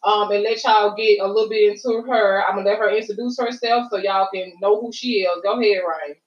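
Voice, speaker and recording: A woman's voice: medium pitch, fairly even intonation, fairly quick. A woman with an American accent hosting a podcast in a casual, chatty way, informal and rambling. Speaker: podcast host. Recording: roomy, distant, slightly dull mic.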